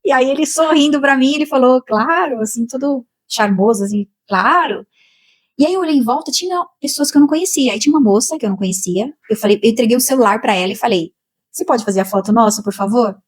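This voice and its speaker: A Brazilian woman slowly and emotionally telling a personal spiritual testimony, with many repetitions. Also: high-pitched, a little mellow, husky. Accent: Brazilian Portuguese. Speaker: spiritual channel host.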